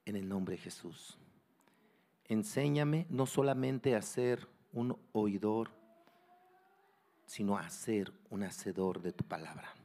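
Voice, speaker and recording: Slow, soft-spoken man praying. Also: on the low side. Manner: prayerful, soft and slow in prayer. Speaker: preacher. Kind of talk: sermon.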